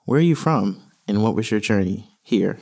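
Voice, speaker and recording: A man's voice: on the low side, lively intonation, moderate pace, gravelly, a little mellow. A man co-hosting a podcast, upbeat, who laughs easily and leads with questions. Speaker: podcast co-host. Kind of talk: casual interview chat.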